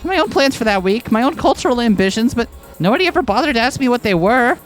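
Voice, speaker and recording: A woman's voice: a little high, very animated, fast talker, soft background music. A woman voicing an anxious, sweary, sarcastic young heroine while reading a video game aloud. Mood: sarcastic, wary.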